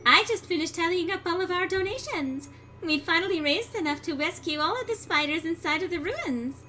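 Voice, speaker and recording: A woman's voice: extremely high pitch, fairly quick, sharp tone, faint music behind, pitched above the performer's own voice. A woman voicing a genteel, theatrical female spider monster with dainty, sugary manners. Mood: proud, sugary.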